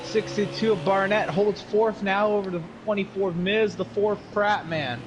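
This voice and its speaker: A man's voice: sits high, fairly even intonation, normal speed. A man giving live play-by-play commentary on a car race. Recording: engine noise behind voice. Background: race car engines.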